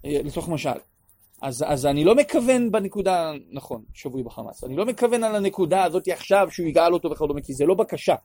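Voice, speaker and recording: A man teaching a class on prayer in an animated way, acting out pleas and sometimes raising his voice to a shout. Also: fairly high pitch, no room sound. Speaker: religious teacher.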